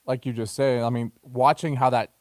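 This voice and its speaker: A man co-hosting a golf talk show, chatting in a relaxed, rambling way full of fillers. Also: mid-range voice, normal speed, dry recording. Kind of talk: casual sports talk show chat.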